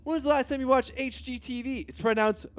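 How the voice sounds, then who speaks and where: In a comedy sketch, a man plays Bruce Wayne Jr., a vain, self-pitying teenage boy superhero, speaking in an extremely high pitch with a steady tone. He talks fairly quickly in a pompous, oblivious way.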